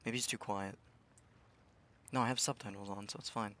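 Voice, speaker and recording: A young man with a lowish voice rambles through a game stream, talking to himself. He stammers over restarts and swears under his breath. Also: steady tone, normal speed, sharp tone. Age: young adult. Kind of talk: casual live-stream commentary.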